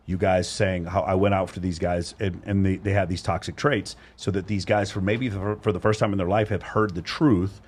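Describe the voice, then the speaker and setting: A man's voice: deep voice, steady tone, moderate pace, hardly any pauses, darkish tone, slightly rough. A man co-hosting a casual interview chat, talking bluntly and rambling, with frequent swearing. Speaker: co-host interviewing women.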